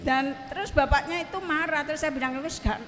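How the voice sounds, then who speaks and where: A woman's voice: high-pitched, quick pace, a crowd in the background. A middle-aged woman earnestly tells a personal story to her teacher, respectfully addressing him again and again as she asks her question. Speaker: congregant asking a question. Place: study hall at an Islamic boarding school. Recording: long reverb, faint ambience.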